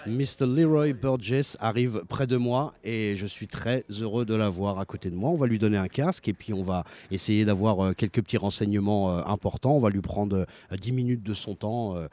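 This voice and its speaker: Man, radio host, low voice, mellow tone, halting, lots of fillers. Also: no room sound. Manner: hesitant, many fillers and restarts, conversational. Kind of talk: live radio music commentary.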